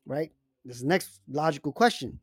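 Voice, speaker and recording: A man's voice: a little high, a little fast, breathy edge, dry recording, clean studio sound. A man hosting a casual personal finance talk, speaking emphatically and turning to the listener with frequent asides. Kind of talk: casual monologue with storytelling.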